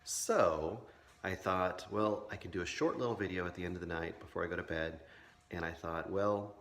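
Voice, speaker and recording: A man's voice: low-pitched, normal speed, a bit bright. A tired man in his fifties chatting casually and rambling in a late-night vlog, with many fillers. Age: 50s. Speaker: vlogger.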